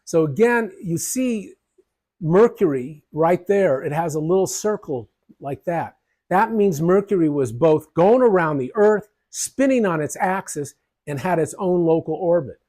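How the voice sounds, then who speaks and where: A man narrating a history lesson over slides, his voice sitting a little high and swinging widely as he explains. He keeps it light, tossing in jokes and casual asides between points. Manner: lively, jokey explanations with asides. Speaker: history channel presenter.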